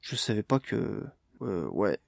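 An awkward, halting man, as a reader voices him, stumbling over fillers and unfinished sentences. His voice is gravelly and dry, close to the mic. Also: on the low side, very animated, dry recording, exaggerated voice. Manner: stammering, halting. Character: awkward flustered man, hesitant.

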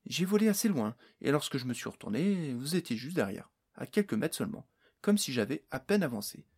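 A man's voice: medium pitch, sing-song, fairly quick, darkish tone, husky. A male narrator voicing a small, anxious female fairy in a storybook. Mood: alarmed.

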